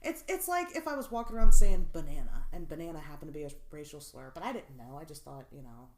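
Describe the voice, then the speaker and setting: A woman in her late twenties co-hosts a podcast in a low, animated voice at a quick pace. She chats casually and rambles, using lots of fillers and laughing frequently. The room is echoey, with slight background noise.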